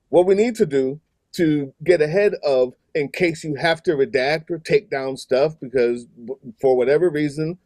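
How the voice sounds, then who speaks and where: A man's voice: on the high side, warm tone, no echo. Rambling podcast host, a man, dry sound. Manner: rambling, with restarts and fillers. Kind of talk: casual podcast chat.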